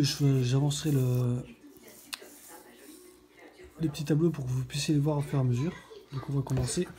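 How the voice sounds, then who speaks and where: A woman's voice: low voice, dark tone. A middle-aged woman hosting a scratch-card video, chatting casually and thinking aloud as she checks each letter. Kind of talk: casual running commentary while scratching.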